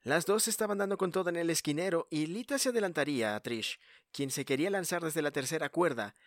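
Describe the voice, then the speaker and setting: A male wrestling commentator narrates dramatically in a high voice. The recording is close and dry, and his delivery is built for excitement. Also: fast talker, no room sound. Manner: dramatic, building to excited calls.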